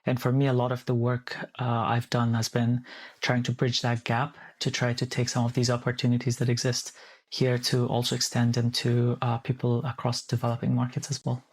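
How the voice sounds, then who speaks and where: A man, answering interview questions in a measured, thoughtful way with small restarts. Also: mid-range voice, completely flat delivery. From Afghanistan. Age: 30s. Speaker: guest.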